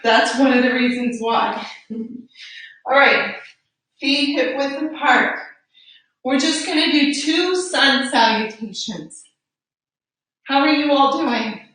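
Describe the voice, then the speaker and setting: A woman teaching a live yoga class, calmly guiding breaths and poses with encouragement, a little out of breath. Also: high-pitched, takes it slowly, pauses often. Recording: roomy echo, distant mic.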